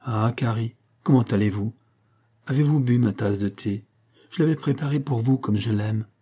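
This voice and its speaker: A man's voice: medium pitch, moderate pace, dark tone, lightly acted. A man reading an audiobook, voicing a brusque, hearty older clergyman uncle.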